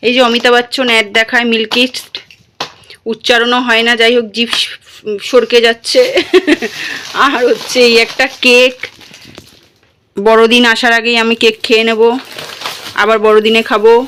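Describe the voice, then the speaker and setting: A woman's voice: fairly high pitch, little pitch movement, normal speed, long pauses, sharp tone, a little hiss or hum. A woman in a casual vlog, talking straight to her viewers as she shows what she bought. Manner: chatty, addresses viewers directly. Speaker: vlogger.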